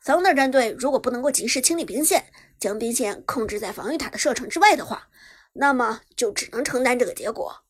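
A woman's voice: on the high side, expressive, fairly quick, slightly rough. A woman voicing a male esports commentator who explains the play enthusiastically.

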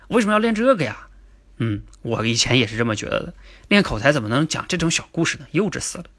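A man teaching a livestream class on public speaking, explaining step by step, asking and answering his own questions and repeating key definitions slowly. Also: on the high side, bright, forceful tone. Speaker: speaking coach. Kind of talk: livestream lecture.

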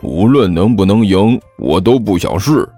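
A man voicing a calm, clever boy who speaks matter-of-factly while planning. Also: fairly low pitch, moderate pace, soft background music.

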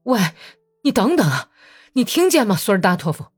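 A woman's voice: mid-range voice, very animated, normal speed, husky, pitched above the performer's own voice. A woman reading an audiobook voices a strong young Cossack man who speaks in a tense, pressing way. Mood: pleading.

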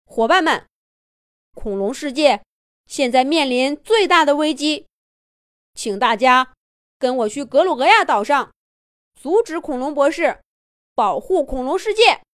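Woman as a grave triceratops captain, slow-paced. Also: high-pitched, lively intonation, dry recording, studio quality. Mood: grave, urgent. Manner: solemn, rallying. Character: grave, commanding male triceratops team captain. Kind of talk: children's audio storybook character voice.

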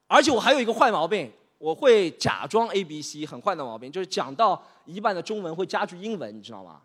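A man in his thirties from Shanghai doing a stand-up set, animated and exasperated as he tells stories on stage. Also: sits high, fast talker, slightly rough. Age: 30s. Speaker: stand-up comedian. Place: comedy stage. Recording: reverberant hall.

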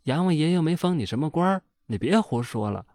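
A man voicing a quick-tempered young wife, speaking high and sharp. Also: lively intonation, no echo, studio quality. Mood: scolding.

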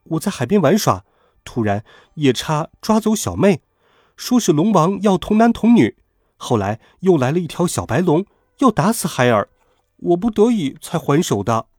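A man's voice: a little high, sing-song, normal speed, darkish tone, husky, no echo, studio quality, pitched above the performer's own voice. A man voicing a bold, mischievous young boy god in a storybook tale, speaking in a raised, eager and defiant way. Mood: earnest.

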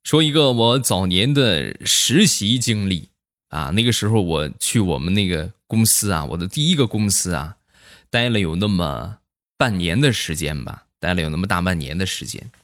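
A man's voice: deep voice, animated, normal speed, a bit bright. A man telling comic anecdotes in a chatty way, full of tag questions. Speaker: stand-up storyteller. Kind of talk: comic monologue of short anecdotes.

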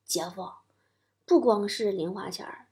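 A woman voicing a little boy who lowers his voice to share a secret in a hushed, conspiratorial way. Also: a little slow, close to an everyday voice.

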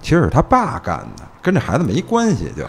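A man's voice: on the high side, wildly swooping pitch, fast, breathy edge. A man with a Beijing accent tells a story casually in conversation, in colloquial language, repeating phrases and checking that listeners follow. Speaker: guest recounting police investigations.

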